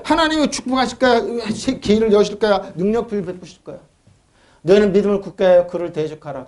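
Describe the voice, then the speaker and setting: A male pastor with a high-pitched voice preaches an animated sermon, asking rhetorical questions and mocking believers' complaints. He repeatedly calls for the congregation to answer with amens.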